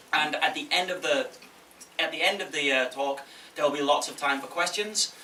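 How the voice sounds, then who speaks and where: A man gives an informal conference talk in a bright, forceful, slightly high voice. He is conversational and jokey, checking in with his listeners. The sound is roomy and distant from the microphone. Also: moderate pace. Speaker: game publisher giving a talk. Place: indoor event room with audience. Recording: echoey room from afar, faint noise.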